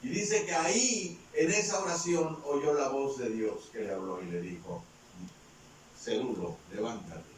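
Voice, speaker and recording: A man's voice: a little high, normal speed, few pauses, far from the mic. A male pastor preaching a sermon as a story, often checking in with "¿verdad?". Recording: very echoey room, voice from afar, faint noise.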